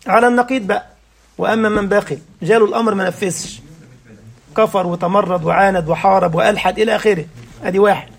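A man's voice: high-pitched, fairly even intonation, quick pace, creaky. A man with an Egyptian accent teaching a religious lesson, firing rhetorical questions and checking that his listeners follow. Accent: Egyptian Arabic.

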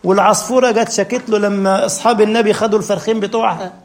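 A man preaching a sermon in an Egyptian Arabic accent, fervent and swinging between hushed and emphatic delivery. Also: high-pitched, steady tone, rapid-fire, reverberant.

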